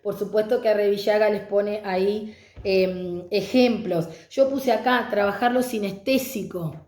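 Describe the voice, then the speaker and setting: A woman's voice: mid-range voice, unhurried, a little mellow, roomy sound. A middle-aged woman teacher giving a conversational online lecture on reading pedagogy.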